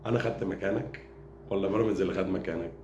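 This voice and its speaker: Fast-talking taunting Egyptian football fan. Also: male voice, deep voice. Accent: Egyptian Arabic. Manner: taunting, mocking rival fans; rapid, repetitive, animated delivery. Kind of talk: fan rant to camera. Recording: echoey room with background noise.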